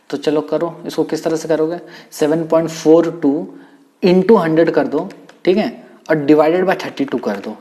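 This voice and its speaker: A male teacher delivering a recorded lecture. He talks in a lively, playful way, with quick exclamations and repeated words for emphasis. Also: on the high side.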